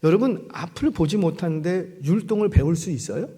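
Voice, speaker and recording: A man's voice: sits high, lively intonation, fairly quick, dark tone, slightly rough. A man preaching a sermon as a pastor in a church, telling stories, acting out voices and putting questions to the congregation. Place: church sanctuary. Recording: long hall reverb.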